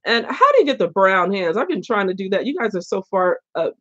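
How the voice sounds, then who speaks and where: A woman's voice: medium pitch, very animated, a little fast. Older woman, head cold, chatty live stream host, muffled lo-fi sound. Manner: chatty, laughs often, greets viewers. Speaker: booktube host. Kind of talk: casual live-stream chat.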